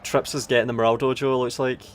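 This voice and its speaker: This is a medium-pitched, level-toned man commentating live on a strategy game for an esports tournament. He speaks with an Aberdonian Scottish (Doric) accent, swears casually, and thinks aloud haltingly while game battle noise runs behind him.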